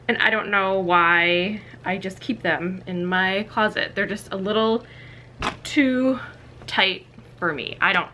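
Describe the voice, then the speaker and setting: There's slight background noise as a young woman with a mid-range, bright, forceful voice vlogs her closet clean-out. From a small walk-in closet she talks casually to a camera on a tripod a few feet away, candid and chatty, filling gaps with "like" and "you know."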